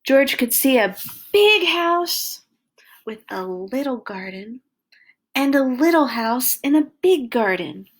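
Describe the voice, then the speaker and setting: A woman with a high voice hosts a read-along, slowly reading a children's picture book with animated, exaggerated emphasis for young listeners.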